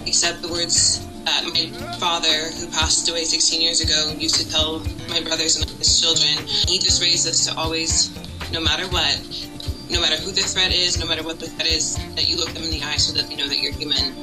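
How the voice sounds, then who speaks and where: Male interviewee, calm and steady, monotone, music under. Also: a little high, fairly quick, low-quality recording. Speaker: interview guest.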